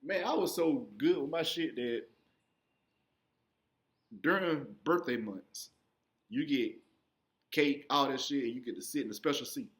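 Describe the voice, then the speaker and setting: A young man telling a profane stand-up story, acting out his younger self in sudden high squeaky voices. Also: a little slow, pauses often, a bit bright. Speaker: stand-up comedian.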